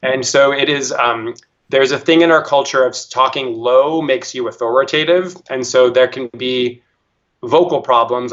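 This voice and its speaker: A man's voice: medium pitch, a bit bright, lo-fi sound. A man speaking as an interview guest, explaining in a careful, teacherly way and now and then showing voice techniques aloud.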